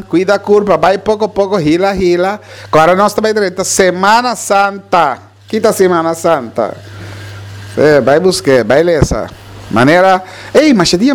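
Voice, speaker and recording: A man talking in a rambling, animated casual monologue, jumping between topics. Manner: animated, jumps between topics, swinging pitch.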